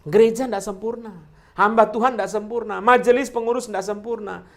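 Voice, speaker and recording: A pastor preaches a sermon to his congregation in a voice that sits high, with fairly even intonation and a slightly fast pace. He repeatedly addresses listeners directly and poses question after question before answering them himself. Key words return again and again, hammered home.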